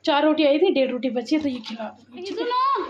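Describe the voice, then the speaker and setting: Young mother from India, chatty home vlog, high voice, muffled phone audio, noisy background. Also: fast. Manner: chatty, playfully scolding her kids, often laughing. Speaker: family vlogger and mother. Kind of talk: casual home vlog chat. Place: family home indoors.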